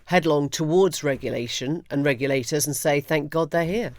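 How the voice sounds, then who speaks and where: A man's voice: fairly high pitch, normal speed, no room sound, studio quality. A man hosting a podcast interview, putting pointed questions to his guest with a few stumbles.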